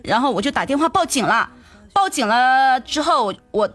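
Animated young woman telling a story. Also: sits high, moderate pace, faint music behind. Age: young adult. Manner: lively and chatty, stammers on repeated words and asks the audience questions. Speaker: storyteller addressing her audience.

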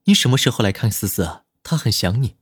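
A soft-mannered young man who always sounds like he is smiling, in an audiobook drama, as the narrator puts him on. He speaks lightly and slightly higher, with a lively lilt. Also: fast, breathy edge, dry recording, studio quality. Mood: coaxing. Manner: warm, smiling and mild. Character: gentle smiling rival suitor, young man. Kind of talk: audiobook character voice.

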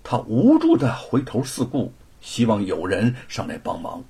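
A man narrating a historical story in an expressive, dramatic storytelling style. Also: medium pitch, normal speed, breathy edge.

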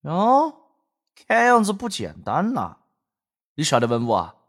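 Brief: a wheedling Sichuan peddler of fake relics, pitched up high and lively. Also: male voice, unhurried, full character voice. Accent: Sichuan Mandarin. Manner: loud hawking, sly and wheedling. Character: boastful hawking street antique vendor, middle-aged man.

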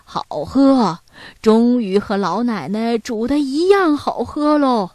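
A woman voicing a lonely, generous old grandfather who speaks gently and cheerfully in a children's story. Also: on the high side, expressive, slow, no room sound.

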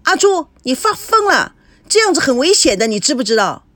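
A woman voicing a bossy, sharp-tongued young woman who leads the group and scolds them. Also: high-pitched, sing-song, moderate pace, no echo. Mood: bossy scolding. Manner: scolding, commanding.

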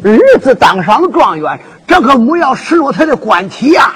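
A man playing a blind elderly father in a Chinese folk opera, with a drawn-out, sing-song stage delivery. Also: very high voice, very animated, fairly bright tone, breathy edge, full character voice. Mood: elated. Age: over 60.

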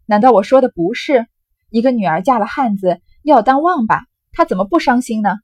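A woman reading aloud as a crude, blustering young rich man, loud and halting. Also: on the high side, lively intonation, husky, no room sound.

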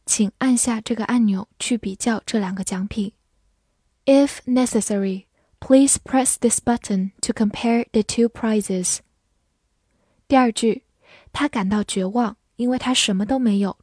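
A woman's voice: a little high, darkish tone, no room sound. A woman teacher drilling English vocabulary, saying each word twice and then explaining its meaning.

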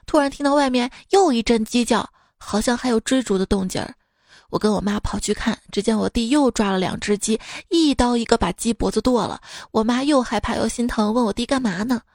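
A woman's voice: on the high side, dry recording, studio quality. Playful woman telling funny stories. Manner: playful, chatty, acts out quoted lines. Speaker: podcast host. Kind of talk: comic anecdote storytelling. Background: faint background music.

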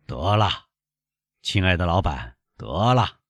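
A man reading aloud, voicing a calm, shrewd young gentleman who teases and bargains. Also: sits low, slow, dry recording, studio quality, full character voice. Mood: bargaining. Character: young gentleman, calm, knowing, quick-witted.

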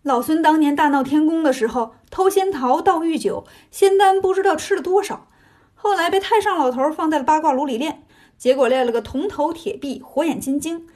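A woman's voice: high-pitched, brisk, darkish tone, voice pushed up, lightly acted. Sun Wukong, put on by a woman: a cocky, teasing monkey king. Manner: teasing, swaggering.

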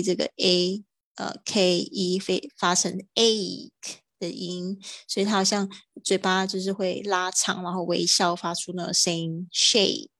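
A woman teaching English vocabulary in a livestream, drawing out model words slowly between quick explanations. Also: medium pitch, a bit bright, no echo.

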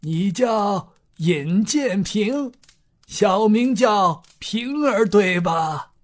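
A man's voice: high voice, lively intonation, voice pushed up, full character voice. A man doing a frail, kindly old grandfather. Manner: slow, soft, drawn-out elderly speech. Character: weak, kindly old man, gentle elder. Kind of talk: audiobook character voice.

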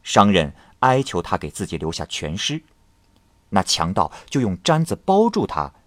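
A man narrating classical ghost tales in an expressive, dramatic storytelling manner. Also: sits low, moderate pace, no echo.

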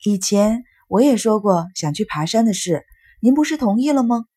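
A woman's voice: mid-range voice, expressive, moderate pace, a little mellow, slightly rough, no room sound, clean studio sound. A woman voicing a stubborn teenage girl, an older sister who speaks firmly and insists on her way. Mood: insistent. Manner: firm and insistent.

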